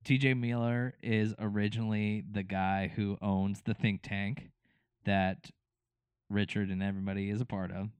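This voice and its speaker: Fairly low in pitch and a bit dark, this man's voice comes through clean on a dry recording. As a podcast co-host, he chats loosely about a TV show he's recapping, rambling and full of fillers and false starts.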